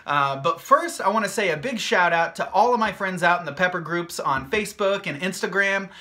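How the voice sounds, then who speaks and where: Man, young adult, vlog host, casual chatty, upbeat, jokey, rambling, bright tone. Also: sits high, lively intonation, a little fast. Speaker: hot sauce maker and video host.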